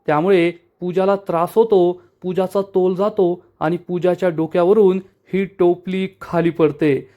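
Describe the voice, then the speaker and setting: A man's voice: high-pitched, fairly even intonation, measured pace, hardly any pauses, lo-fi sound. A man retelling a TV serial episode plot step by step as a storyteller, addressing listeners as friends.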